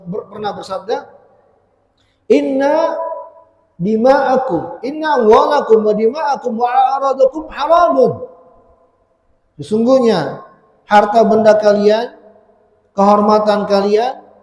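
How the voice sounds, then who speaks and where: A man's voice: extremely high pitch, darkish tone. A man giving a Quran commentary lecture in a mosque, with an Indonesian accent, asking the audience questions and repeating key words for emphasis. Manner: asks the audience questions, stresses points by repeating them. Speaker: religious teacher. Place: mosque hall. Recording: echoey hall with long reverb.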